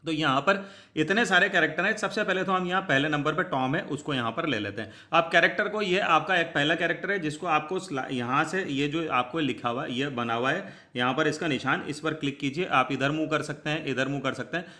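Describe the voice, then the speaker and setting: Tutorial host, male, bright forceful voice, slightly high, patient click-by-click instructions. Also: brisk. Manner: step-by-step instructions, addresses viewers as friends. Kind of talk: screen tutorial walkthrough.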